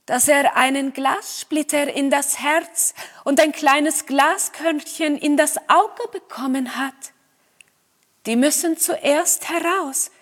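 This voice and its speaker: A woman reading aloud and voicing a wise old Finnish healer woman in a storybook, calm and instructive. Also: sits high.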